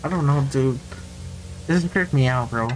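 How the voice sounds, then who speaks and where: A man with a mid-range voice reacts live to a scary video at normal speed, casual and slangy, pleading with the screen in short, repeated phrases. Loud music plays underneath, and the recording is noisy with mains hum.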